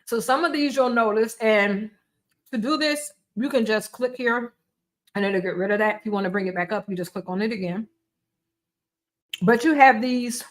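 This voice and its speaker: A woman hosting a casual screen-share tutorial livestream, chatting off the cuff to her viewers while eating. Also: a little high. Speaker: livestream host demonstrating software.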